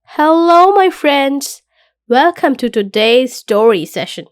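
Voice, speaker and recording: A woman hosts a children's story time with a bright, sing-song delivery. Her pitch is fairly high and very animated, and she speaks unhurriedly. The sound is close and dry. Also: takes it slowly, no echo. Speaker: host.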